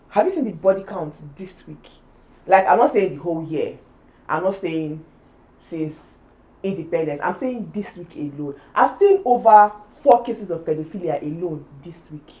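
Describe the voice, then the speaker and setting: A woman's voice: on the low side, mellow, poor audio. A young woman from Nigeria co-hosting a casual podcast chat, talking with heated emphasis. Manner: impassioned, emphatic. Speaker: podcast co-host.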